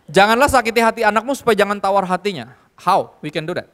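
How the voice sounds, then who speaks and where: A male youth pastor preaching to a live audience in a church hall, lively and joking, often switching into English. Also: high-pitched. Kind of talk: sermon.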